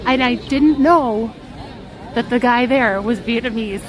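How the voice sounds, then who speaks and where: Her voice a little high and unhurried, a woman chats with her live stream audience outdoors at a theme park in the rain. She tells a story in a giggly, self-deprecating manner as park music and crowd noise carry on behind her.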